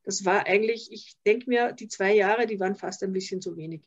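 A woman's voice: medium pitch, a little fast, slightly rough. An older woman with an Austrian accent, talking as a guest in an interview over a video call, reflective and hesitant with many restarts. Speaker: interview guest, social worker. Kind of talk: conversational interview. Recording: slightly dull video call audio.

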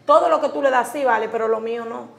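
A woman's voice: a little high, fairly quick, gravelly. A woman playing a university-student daughter who defends her heartfelt gift. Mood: defensive. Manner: defensive, pleading. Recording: roomy echo.

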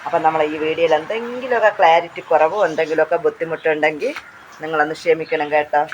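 A hoarse woman with a Kerala Malayalam accent chats away while cooking in her home kitchen. She repeats her phrases and keeps asking her listeners questions. She holds the phone mic herself, with faint frying sounds behind. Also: sits low, fairly even intonation, fast, lo-fi sound, a little hiss or hum. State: hoarse from talking. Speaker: cooking vlogger. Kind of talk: casual chat while cooking. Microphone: handheld phone.

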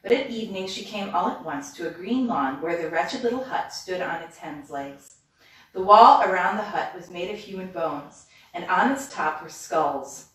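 A woman reading a fairy tale aloud in a steady, measured way, with small slips, in a reading room. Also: fairly low pitch. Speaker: storyteller. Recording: echoey room from far off.

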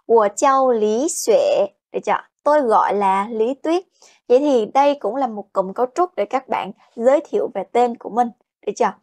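Woman, Chinese teacher, fairly high voice, slow modeled phrases, lesson style. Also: darkish tone. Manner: explains in Vietnamese, models Chinese slowly, keeps asking "Được chưa?". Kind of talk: language lesson.

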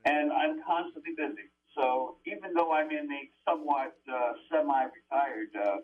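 An older man, a guest exorcist, talks in a halting way and often repeats words as he looks for them. His voice comes over a thin, tinny phone line with no bass, as if from inside a tin can. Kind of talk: phone-in radio interview. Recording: tinny phone line, speaker far from the mic.

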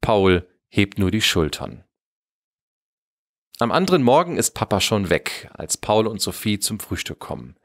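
A man narrating a German children's Christmas story in an expressive storybook manner. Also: lowish voice, unhurried.

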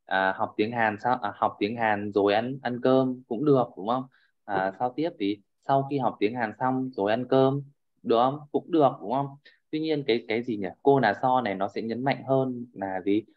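A man's voice: mid-range voice, moderate pace, phone-quality sound. A man teaching a class over a video call, often checking in with his students and repeating fillers as he explains. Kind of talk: online class lecture.

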